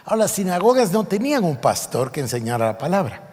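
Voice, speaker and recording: A man's voice: high voice, big pitch swings, fast, a little mellow, long reverb tail. A man preaching a sermon, reading scripture aloud and explaining it with emphasis. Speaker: pastor.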